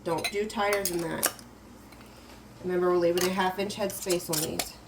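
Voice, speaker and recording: A woman getting over an illness, talking through a kitchen canning tutorial in a relaxed, instructive way and repeating reminders. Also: on the low side, moderate pace, background noise. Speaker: home canning vlogger. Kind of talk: casual step-by-step kitchen tutorial. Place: home kitchen.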